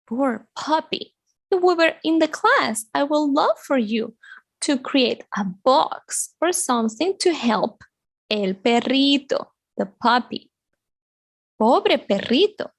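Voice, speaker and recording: Animated, high-voiced woman teaching. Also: no room sound, studio quality. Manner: animated, exaggerated, slow repetitions with sound effects. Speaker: Spanish teacher. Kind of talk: children's language lesson.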